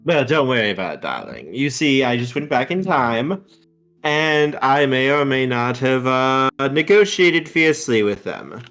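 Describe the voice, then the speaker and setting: Man playing a suave, drawn-out theatrical charmer. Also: medium pitch, big pitch swings, a bit bright, soft background music. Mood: breezy, coaxing. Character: suave theatrical companion who calls everyone darling.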